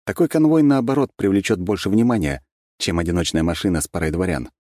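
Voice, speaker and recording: Audiobook: a self-assured young prince, dry and commanding, put on by a deep-voiced male narrator. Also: fast, warm tone, no room sound. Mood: wry.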